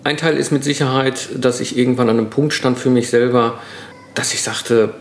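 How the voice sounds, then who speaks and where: A man's voice: mid-range voice, steady tone, normal speed, echoey room. A middle-aged man, a podcast guest, explaining his thoughts at length in a reflective way, with fillers and restarts. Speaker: podcast guest, solo entrepreneur. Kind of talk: casual conversational interview.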